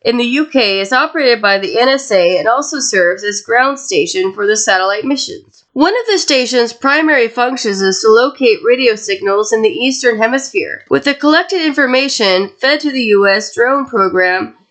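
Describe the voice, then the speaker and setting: A woman co-hosting a podcast, reading out researched notes in a voice that is raspy tonight. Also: on the high side, animated, moderate pace, few pauses, fairly bright tone. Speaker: podcast co-host.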